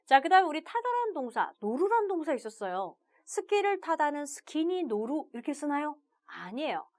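Lively high-pitched woman teaching. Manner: upbeat, starts phrases with "자". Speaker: Japanese language teacher. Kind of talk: video lesson.

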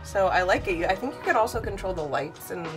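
An excitable woman in her thirties narrates a casual walk-through of a small cruise cabin. Her voice leaps up and down as she gushes over each new detail. Music plays underneath. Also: mid-range voice, fast talker. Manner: excitable, gushing exclamations. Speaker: travel vlogger.

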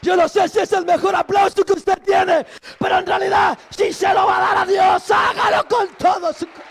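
High, gravelly shouting preacher. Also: male voice, flat delivery, normal speed, some chatter behind. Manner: swings between shouted exhortation and quiet storytelling, frequent "aleluya". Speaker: evangelist preacher. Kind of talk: sermon. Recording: live church service with congregation.

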